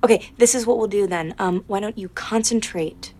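An actress playing a nervous, accommodating psychic who speaks as a hesitant, coaxing seance medium. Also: female voice, medium pitch, normal speed, mellow, lightly acted.

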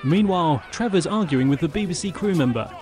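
A man's voice: a little high, animated, a little fast. A man giving scripted, matter-of-fact audio description of action in the present tense.

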